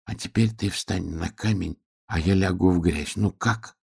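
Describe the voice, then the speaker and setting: Man voicing a stubborn little piglet, puzzled, quiet, low and raspy. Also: unhurried, heavily acted. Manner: quiet, wondering, plaintive.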